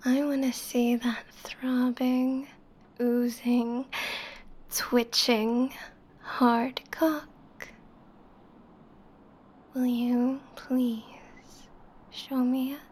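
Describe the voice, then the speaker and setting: A woman doing an ASMR role-play as an adoring, seductive lover, speaking slowly and intimately, close to the listener's ear. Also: fairly high pitch, flat delivery, darkish tone, breathy edge. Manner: slow, lingering delivery with pauses.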